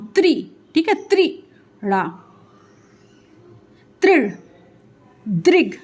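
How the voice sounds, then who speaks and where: A young woman teaching children Hindi vowel signs, sounding each syllable out slowly and patiently. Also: sits high. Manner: patient, spells sounds out slowly, often says sorry and "means". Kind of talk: online Hindi lesson for children.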